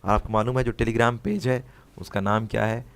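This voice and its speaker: A man's voice: on the low side, steady tone, moderate pace, creaky. A young man with an Indian English accent teaching an online exam-prep lesson. He explains each answer, mixes in English phrases and keeps checking in with listeners. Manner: explains answers, mixing Hindi with English phrases, often asks "है ना?".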